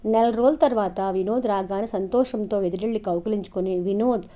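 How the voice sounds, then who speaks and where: A woman storyteller narrating an audio novel in an expressive, steady way, in a dull lo-fi recording. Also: medium pitch, a little fast.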